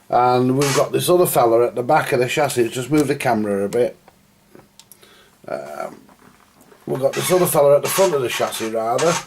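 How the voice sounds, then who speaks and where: Here the radio repair host sounds mid-range and somewhat dark in tone. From his home workbench he chats casually and meanders through hands-on repair commentary, voicing his thoughts as he goes, in a clear recording with background noise and clicks.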